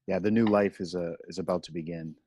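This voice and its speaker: A man co-hosting a casual podcast discussion, halting as he searches for his words. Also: low-pitched, steady tone, darkish tone, no room sound, clean studio sound. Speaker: podcast co-host.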